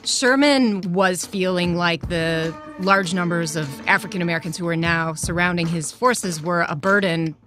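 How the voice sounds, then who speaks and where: A woman's voice: lowish voice, normal speed, hardly any pauses, over music. A woman speaking as an expert historian, explaining things in an interview.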